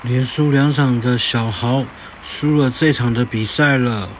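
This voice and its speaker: A man's voice: medium pitch, steady tone, measured pace, slight background noise. A man hosting a bedtime story show for children, coaxing and asking the kids questions. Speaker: storyteller host. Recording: music behind.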